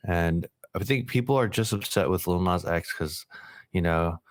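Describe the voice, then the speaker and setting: A man's voice: sits low, normal speed, no room sound, clean studio sound. A young man co-hosting a casual podcast, talking in loose slang with many fillers. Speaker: podcast co-host. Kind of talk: casual chat.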